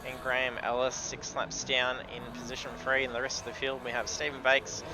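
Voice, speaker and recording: A man's voice: medium pitch, completely flat delivery, a little fast, low-quality recording. An Australian man working as a race commentator and interviewer on a live sim racing broadcast. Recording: clear car noise behind. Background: vehicle noise.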